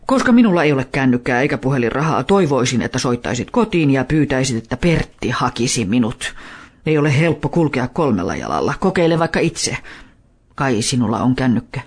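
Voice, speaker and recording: A man voicing a grumpy, wry old male dog in a storybook reading, with a husky, grumbling delivery. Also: medium pitch, very animated. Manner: grumbling, dry complaints.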